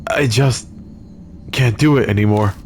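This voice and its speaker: A man voicing an exhausted, furious middle-aged man who yells and curses bitterly. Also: medium pitch, measured pace, background noise, lightly acted. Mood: enraged. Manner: yelling, cursing and bitter.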